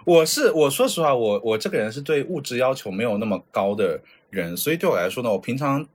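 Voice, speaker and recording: A man's voice: medium pitch, fast, breathy edge. A man from China, co-hosting a casual podcast chat, telling stories with lots of energy and acting out the other people in them. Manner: lively storyteller, mimics voices in his stories. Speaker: podcast co-host. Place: lives in Japan.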